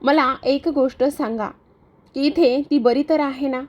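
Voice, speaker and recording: A woman's voice: high voice, steady tone, unhurried, darkish tone, dull audio. A woman voicing a protective, reassuring young man in a retold TV serial. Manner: firm, reassuring.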